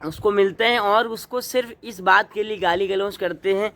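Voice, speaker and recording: A young man from Uttarakhand vlogs his opinion in a fairly high voice. He talks in an earnest, indignant tone and keeps throwing rhetorical questions at his viewers. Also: normal speed, a bit bright. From Uttarakhand, India. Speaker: vlogger. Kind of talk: opinion commentary to camera.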